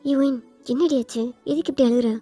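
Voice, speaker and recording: A woman voicing a caring older sister who reasons gently and persuasively, in a storybook fan fiction reading. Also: high voice, fast, faint music behind, close to an everyday voice.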